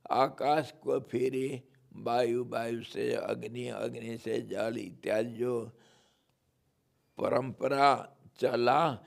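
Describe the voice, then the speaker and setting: A male swami delivering a spiritual discourse. He speaks very slowly and deliberately, teasing his listeners playfully. His voice has a gravelly, creaky texture at a middle pitch. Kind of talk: devotional sermon with storytelling.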